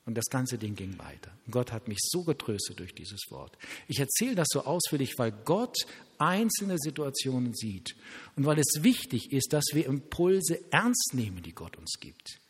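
A male pastor preaching a sermon, telling lively stories and acting out quoted dialogue. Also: mid-range voice, moderate pace, breathy edge, in a large hall.

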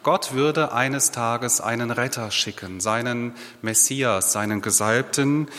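A man preaching a sermon in a relaxed, conversational way, putting rhetorical questions to his listeners. His mid-pitched voice carries a long reverb, as if he is speaking in a large church hall. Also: slow pace.

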